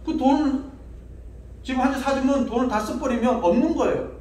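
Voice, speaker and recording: A man's voice: extremely high pitch, moderate pace, a little mellow. A male pastor preaching a conversational sermon, often asking the congregation questions and acting out quotes. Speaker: senior pastor. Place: church sanctuary. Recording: echoey church hall, distant mic.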